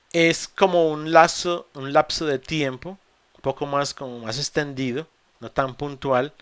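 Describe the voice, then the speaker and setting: A male teacher explains grammar rules to students in a virtual class, working through each case patiently and stopping often to rephrase. His voice sits at an ordinary middle pitch and is recorded dry and close on a computer mic, with almost no room sound. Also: a bit bright, no echo. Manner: patient, explains step by step with many fillers and restarts. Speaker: English teacher. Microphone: computer mic in a video call.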